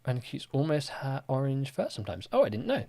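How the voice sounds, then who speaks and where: A man's voice: medium pitch, fairly quick, vocal fry. Chatty young man hosting a live quiz. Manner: chatty, relaxed, lots of fillers, reads out and answers chat questions. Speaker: livestream quiz host. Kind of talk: casual live-stream chat, reading viewer comments.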